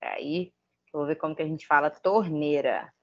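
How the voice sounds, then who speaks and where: A woman's voice: deep voice, moderate pace, highs cut off. A woman with a Brazilian Portuguese accent giving a casual online English lesson, chatty and thinking aloud with self-deprecating asides. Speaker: English teacher.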